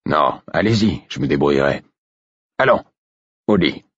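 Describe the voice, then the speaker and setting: A man reading aloud and voicing a gruff but kindly working man who speaks in a gentle, plain-spoken way. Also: very deep voice, expressive, unhurried, no echo, muffled recording, heavily acted. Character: gruff, kindly man with big tanned hands. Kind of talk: audiobook reading.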